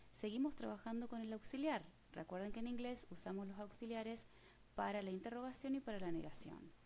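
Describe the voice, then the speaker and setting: A woman's voice: mid-range voice, gravelly, mellow, a little hiss or hum. A woman with a Rioplatense Spanish accent teaching an English grammar lesson step by step, patiently checking that students follow along. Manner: patient, checks understanding with frequent "mm?".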